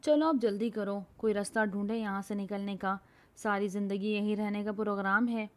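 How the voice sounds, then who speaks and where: A woman voicing a quick-tempered, bossy young woman who scolds loudly and brags. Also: medium pitch, fairly even intonation, natural voice. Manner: loud scolding, bragging.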